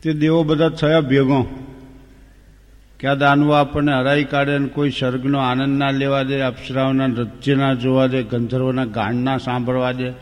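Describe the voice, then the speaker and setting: A man's voice: medium pitch, level tone, normal speed. A man retelling an old epic as a folk storyteller, homely and humorous, breaking into sung verses. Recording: long hall reverb.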